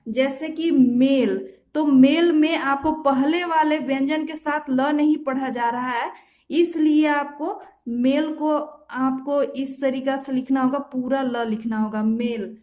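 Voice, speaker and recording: A woman's voice: sits high, fairly even intonation, slow, darkish tone. A woman teaching shorthand, explaining each rule patiently step by step and repeating her examples, now and then correcting herself. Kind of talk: step-by-step instructional lesson. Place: home.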